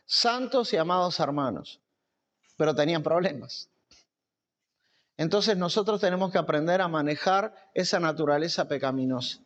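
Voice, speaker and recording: Male preacher, high voice, emphatic sermon delivery with repeated phrases; muffled low-fidelity sound. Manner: emphatic, repeating key phrases with rising pitch.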